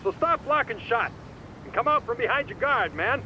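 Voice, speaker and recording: Man acting a pragmatic lawyer, highish voice. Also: brisk, fairly bright tone, a little hiss or hum, close to an everyday voice, rough recording. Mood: frank, cajoling. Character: pragmatic, encouraging male lawyer. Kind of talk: video game voice acting.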